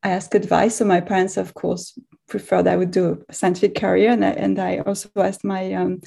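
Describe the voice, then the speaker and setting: A middle-aged French physics professor is the guest on a casual podcast interview. Her medium-pitched voice is gravelly and creaky, mellow and dark rather than bright, delivered flatly; she answers haltingly, often restarting and correcting herself.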